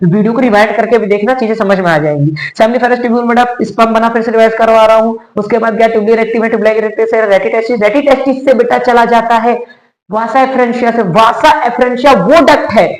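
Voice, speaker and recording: A man's voice: extremely high pitch, fast talker. A young man teaching a biology lesson to exam students, repeating key terms and asking questions that he answers himself. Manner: repetitive, coaxing, asks questions and answers them himself. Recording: echoey room.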